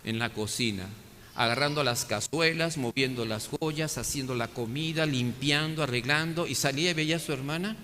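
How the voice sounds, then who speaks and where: A priest giving a lively sermon, acting out the biblical figures as he tells their story. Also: mid-range voice, normal speed, slight background noise. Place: church. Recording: echoey church hall.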